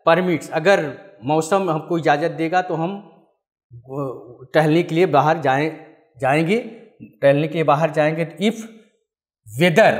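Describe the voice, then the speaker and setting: A male coaching teacher walks students through grammar questions in an unhurried classroom style. His voice sits a little high, and he reads each English example slowly before answering his own questions.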